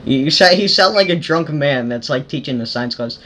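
A man hosting a gaming channel, giving casual commentary while playing, excitable and yelping in fights. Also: a little high, brisk, slight background noise. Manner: excitable, yelps during fights.

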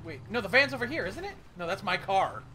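A man with a high-pitched voice banters on a game stream. He is blunt and profane, telling teammates what to do. Clear game noise sits behind him. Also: big pitch swings, quick pace, sharp tone. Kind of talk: casual gaming banter. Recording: noisy game sound behind.

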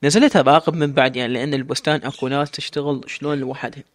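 A man's voice: medium pitch, fairly even intonation, rapid-fire, no room sound, natural voice. A man voicing a proud sheikh, commanding and stern. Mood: curious.

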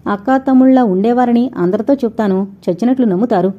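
A woman's voice: fairly high pitch, fast talker, lightly acted. A woman voicing a brash, scornful young man who talks in a taunting, insistent way. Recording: dull lo-fi recording.

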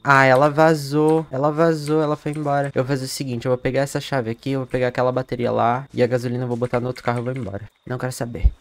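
A young Brazilian man streaming a horror game, chatting casually, swearing a lot and breaking into loud panicked yells. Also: mid-range voice, little pitch movement, very fast, few pauses, soft background music. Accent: Brazilian Portuguese. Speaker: gamer streamer. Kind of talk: live gameplay commentary.

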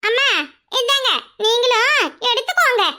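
A woman's voice: very high voice, normal speed, pushed and bright. A woman voicing a pleading, tearful middle-aged mother of a bride, speaking with a Kanyakumari Tamil accent. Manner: emotional, pleading, often on the edge of tears. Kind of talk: cartoon voice acting.

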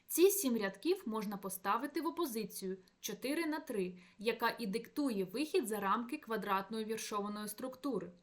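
A young woman presents a scholarly paper in a measured, read-aloud manner. Her voice sits a little high, and she leans on the stresses when she quotes verse lines. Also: expressive. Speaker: academic presenter. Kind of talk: read academic talk.

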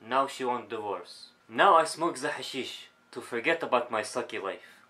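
A man voicing a troubled adult man who confesses his vices in halting broken English. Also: mid-range voice, lively intonation, bright, forceful tone, low-quality recording. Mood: glum.

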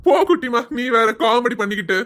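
A woman doing a doting husband with lively sing-song talk. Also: on the high side, a little fast. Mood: coaxing. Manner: coaxing, soothing baby talk. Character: doting young husband, soft-hearted and fussing. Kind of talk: cartoon serial voice acting.

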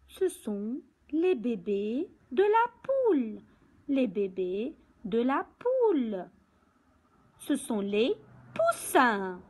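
A woman with a somewhat high voice works through a picture book with small children, taking it slowly and deliberately, echoing words and counting aloud, on a rough recording.

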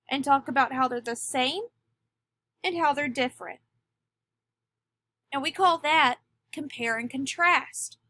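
A woman teacher giving a recorded lesson, speaking deliberately and stressing key words. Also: sits high, sharp tone. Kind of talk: recorded classroom lecture.

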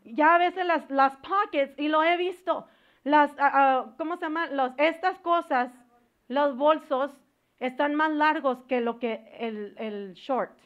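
A woman preacher giving a fervent sermon, pausing to search for words and building into loud exhortation. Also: sits high, highs cut off. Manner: searches for words aloud, slips into English words.

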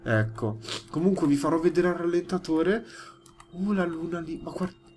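A man's voice: on the high side, lively intonation, normal speed, a little mellow, slight background noise. A young man with an Italian accent commenting live on his gameplay, jumpy and easily startled, chatting to his viewers. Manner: jumpy, yelps when startled, talks to viewers. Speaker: gaming YouTuber.

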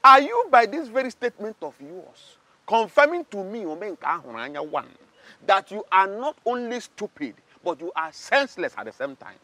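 An actor with a Nigerian accent playing a pompous, hot-tempered palace guard who is loud and scornful. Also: male voice, sits high, big pitch swings, moderate pace, dry recording, heavily acted. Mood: angry scornful.

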